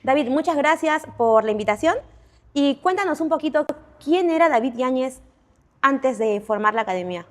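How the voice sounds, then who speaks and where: A woman's voice: sits high, expressive, moderate pace. A woman hosting a podcast interview who affirms and sums up what her guest says. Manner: affirming, summarizes the guest's words. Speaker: podcast host.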